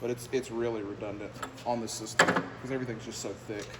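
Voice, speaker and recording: A US-born trucker and vlogger, a native English speaker, talks briskly in a fairly low, fairly even voice. He works on a repair and keeps up a loose, rambling commentary, muttering folksy, self-mocking remarks. The sound is echoey and distant, with clear noise from the workshop.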